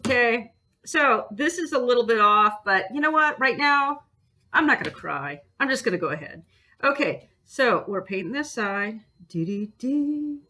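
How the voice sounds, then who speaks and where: A woman's voice: fairly high pitch, animated, normal speed, sharp tone, a little hiss or hum. A woman teaching a bookbinding class, chatty and encouraging, talking students through each step and humming as she works. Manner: chatty and encouraging, hums and sings while working. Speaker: art teacher. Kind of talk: bookbinding demonstration.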